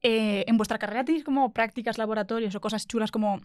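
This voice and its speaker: A woman's voice: fairly high pitch, steady tone, fast talker, dry recording, studio quality. A woman hosting a casual talk show in a chatty, informal way. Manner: chatty, informal, laughs often. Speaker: host. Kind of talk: casual chat.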